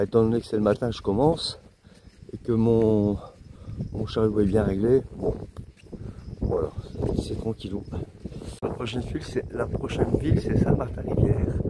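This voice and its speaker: A man's voice: on the low side, heavy background noise. A middle-aged man chatting casually to his camera as he walks through open countryside, rambling and easily amazed by what he sees. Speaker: walking pilgrim vlogger. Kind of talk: casual vlog narration while walking.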